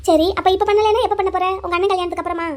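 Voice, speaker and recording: A woman's voice: very high voice, steady tone, rapid-fire. A woman voicing the heroine's nosy, teasing friend in a cartoon, firing off questions. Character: chatty teasing young village girlfriend. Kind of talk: cartoon voice acting.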